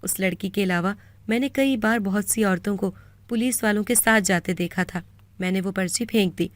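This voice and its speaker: A woman with a Pakistani Urdu accent narrating a first-person moral story in a steady, earnest way. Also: mid-range voice, dry recording.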